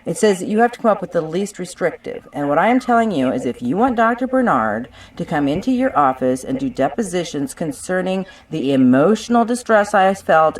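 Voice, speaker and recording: Far from the microphone on a conference call, a claimant representing herself fights her legal dispute in a contentious phone discussion. Her voice is low and darkish, and she presses her points combatively and insistently.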